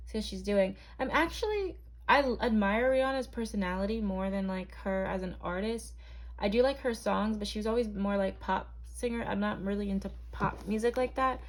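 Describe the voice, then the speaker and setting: A young woman from Barbados, reading tarot cards to camera in a chatty, hesitant way full of ums and likes. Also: mid-range voice. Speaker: tarot reader.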